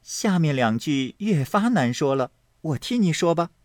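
A man voicing a teasing young singing girl who chants and sings slowly, in a story reading. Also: a little high, big pitch swings, a little mellow, dry recording, clean studio sound, pitched above the performer's own voice. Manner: slow sing-song chanting.

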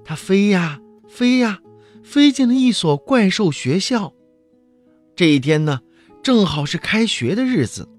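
A man reading a children's picture book aloud, expressive and full of exclamations. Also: sits high, measured pace, soft background music. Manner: animated, expressive storytelling with exclamations. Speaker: children's storyteller.

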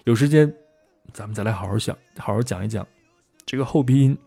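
A man hosting a podcast who explains English pronunciation in a relaxed, chatty, rambling way. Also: lowish voice, brisk, creaky, breathy edge, no room sound. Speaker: English teacher, podcast host.

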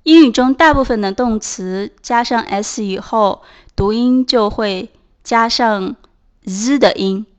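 A woman narrating a beginners' English lesson at an unhurried pace. Her voice sits a little high. She spells words out letter by letter and explains each point with care. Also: highs cut off. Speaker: English teacher.

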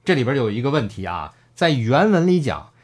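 A man's voice: medium pitch, big pitch swings, brisk. A man casually retelling a classic story, acting out the characters' lines and laughing often.

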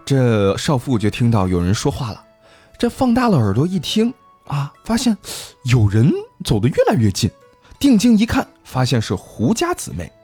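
A man's voice: medium pitch, wildly swooping pitch, moderate pace, darkish tone, breathy edge, faint music behind. Playful male storyteller. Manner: playful, joking asides. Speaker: storytelling podcast host. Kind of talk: casual storytelling with banter.

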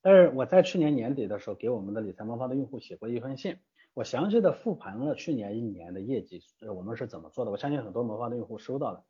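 A man's voice: mid-range voice, animated, fast, warm tone, breathy edge, muffled recording. A man answering interview questions as a guest from an investment platform, emphatic and full of rhetorical questions.

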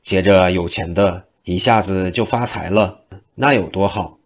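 Sly, joking old monk, very low voice; a male storyteller voices him. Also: measured pace. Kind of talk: traditional storytelling.

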